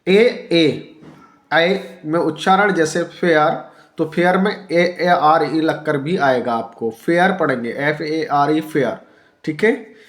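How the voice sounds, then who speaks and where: Guy teaching english reading, spells words out slow, keeps repeating stuff, kinda high voice. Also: a bit bright. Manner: repeats and spells out letters slowly; asks and answers his own questions. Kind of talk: YouTube teaching lesson.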